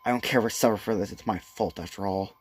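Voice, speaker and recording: Man voicing a soft-spoken guilt-ridden woman. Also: quick pace, background noise, lightly acted. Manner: low, soft and subdued. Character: strong gentle young woman, burdened by guilt. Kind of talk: manga read-aloud on stream.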